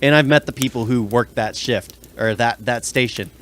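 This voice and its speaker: A man chatting casually on a podcast, blunt and rambling, with plenty of restarts. His voice sits at an ordinary middle pitch for a man. He complains openly about his coworkers. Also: moderate pace, fairly bright tone, slight background noise. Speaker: podcast co-host. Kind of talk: casual chat.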